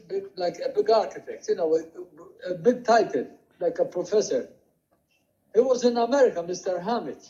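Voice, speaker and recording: An older man recounting his working life in a rambling, halting way, with many restarts and quoted dialogue. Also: sits high, dark tone. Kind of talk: rambling personal storytelling. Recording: dull lo-fi home recording.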